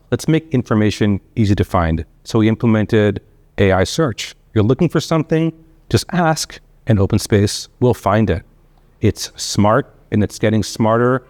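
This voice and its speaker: A man's voice: lowish voice, darkish tone, no room sound. A man giving a keynote product presentation with polished corporate enthusiasm, conversational, in short punchy phrases with rhetorical questions. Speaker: company chief executive giving a keynote.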